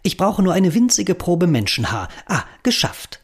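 A man voicing a cheeky, excitable little male alien budgie with a high, chirpy, squawking voice in a storybook reading. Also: moderate pace, husky, full character voice. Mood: aufgedreht. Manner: excitable and bossy. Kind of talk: storybook narration.

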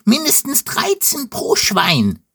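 A squealing little wild-boar princess, pitched very high and swooping wildly up and down. She talks slowly, with a breathy, husky edge to the squeak, eager and headstrong. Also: huge pitch swings, bright, forceful tone, heavily acted. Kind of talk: storybook reading.

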